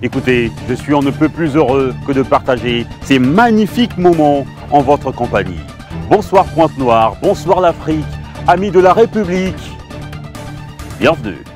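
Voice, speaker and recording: A man's voice: fairly high pitch, lively intonation, moderate pace. Showy male host over music. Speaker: show host. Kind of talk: hyped show intro and interview questions. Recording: music under the voice.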